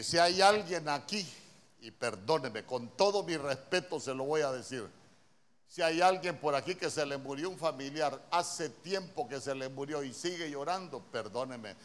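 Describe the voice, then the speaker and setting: Fiery Honduran preacher with a high voice. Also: male voice. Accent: Honduran Spanish. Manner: impassioned, quick swings between hushed and shouted lines, many rhetorical questions. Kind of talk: sermon. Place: church.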